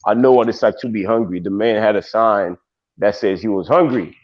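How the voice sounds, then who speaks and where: A man's voice: on the low side, brisk, a little mellow, no echo. A man from Haiti hosting a casual streamed chat, telling blunt, profane stories full of fillers. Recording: dull lo-fi stream audio.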